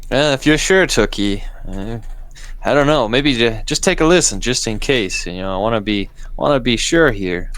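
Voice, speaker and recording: A man playing a nervous, unsure young mobster in a tabletop game, talking haltingly and stammering. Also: mid-range voice, animated, fairly bright tone, dry recording, lightly acted. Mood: nervous, doubtful. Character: nervous, hesitant male gangster rookie named Mikey. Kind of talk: in-character tabletop role-play.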